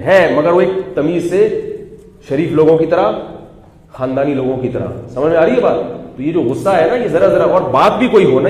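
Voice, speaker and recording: Animated man lecturing in an echoey hall. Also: on the high side. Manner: animated, asks the audience rhetorical questions; humorous asides that draw laughter. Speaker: Islamic scholar giving a weekly talk. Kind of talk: Urdu religious lecture, conversational. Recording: echoey hall with faint background noise.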